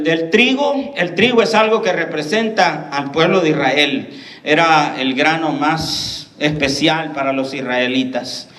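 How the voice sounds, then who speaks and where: A man's voice: high voice, a bit bright, reverberant, recorded from a distance. A man preaching a sermon as pastor, asking the congregation questions as he speaks.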